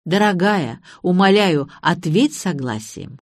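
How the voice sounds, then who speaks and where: A hammy elderly man in an audiobook scene, voiced by a woman narrator. He drags out his words in a theatrical, declaiming way, slow and self-important. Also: fairly low pitch, expressive, no room sound, studio quality. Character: pompous elderly man, ham provincial actor.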